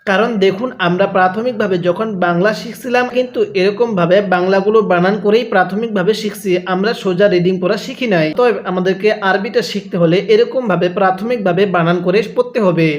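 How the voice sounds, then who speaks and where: A man teaching Quran recitation step by step, chanting slow drawn-out lines for students to repeat, then explaining quickly. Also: high-pitched.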